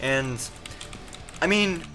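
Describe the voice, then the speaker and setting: A man giving live commentary while playing a game, rambling with many fillers and restarts and reacting excitedly to the action. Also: on the high side, drawn-out words, faint music behind. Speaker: gameplay commentator.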